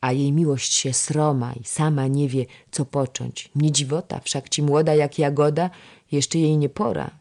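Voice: mid-range voice, steady tone, warm tone, close to an everyday voice. A narrator voicing a bold, clumsy young lady-in-waiting with cheeky outbursts in an old-fashioned storybook. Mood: teasing. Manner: cheeky, quick exclamations.

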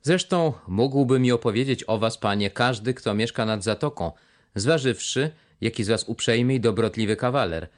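A man's voice: medium pitch, animated, normal speed, lightly acted. A man voicing a wheedling, overly polite one-legged pirate with a crutch, reading an audiobook. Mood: flattering.

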